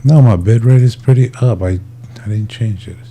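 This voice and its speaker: Talking to his livestream viewers like they're his buddies, a man keeps the conversation casual and laid-back. His voice is fairly low and mellow, at a moderate pace.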